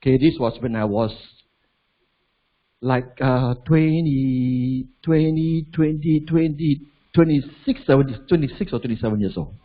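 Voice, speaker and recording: Over phone-quality audio, a motivational business speaker in his forties gives a chatty seminar talk in a Malaysian English accent. His mid-range voice is unhurried, and he adds "lah" while posing rhetorical questions to the crowd.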